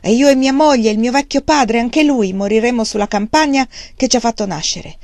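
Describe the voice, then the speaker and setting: A woman voicing a desperate, starving male peasant farmer who shouts his defiance. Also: a little high, a little fast, dry recording, clean studio sound, pitched above the performer's own voice, natural voice. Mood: furious.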